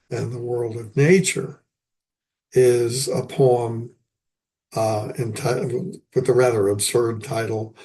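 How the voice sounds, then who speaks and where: Pauses and fillers punctuate the halting speech of an older man hosting a poetry lecture, his voice hoarse and raspy following an illness. It's a mellow, mid-range voice.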